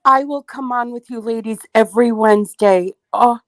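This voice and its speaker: A woman's voice: fairly high pitch, moderate pace, dry recording. A woman co-hosting a casual reseller livestream chat, effusive and emotional.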